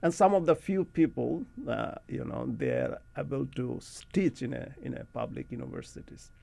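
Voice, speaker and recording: Gravelly middle-aged Bangladeshi man. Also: medium pitch, normal speed. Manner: relaxed, rambling storyteller who laughs often. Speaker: guest academic. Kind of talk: casual interview talk. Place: radio studio.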